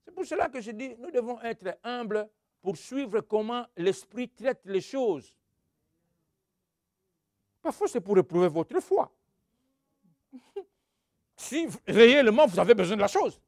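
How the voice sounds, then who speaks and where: A man preaching a sermon who reads scripture, exclaims hallelujah and questions his congregation, swinging from loud outbursts to quiet asides. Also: very high-pitched, expressive, measured pace, long pauses, dry recording, studio quality.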